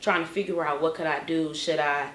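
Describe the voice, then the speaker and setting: A woman's voice: sits low, fairly even intonation, fairly quick, a bit bright, roomy sound, slight background noise. A young woman vlogging an earnest, emotional faith testimony, often restarting her sentences. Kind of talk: inspirational faith vlog.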